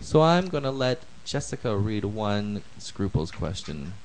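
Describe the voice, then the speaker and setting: A man's voice: lowish voice, big pitch swings, measured pace, rough recording. A young man hosting a casual podcast chat, joking and slipping into silly voices. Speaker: podcast host.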